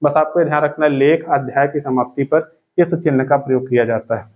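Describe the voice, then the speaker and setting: A man's voice: on the high side, fairly even intonation, brisk. A man teaching grammar for exam preparation, explaining step by step with everyday examples and speaking straight to his students. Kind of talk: exam-prep lesson. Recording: phone-like narrow sound.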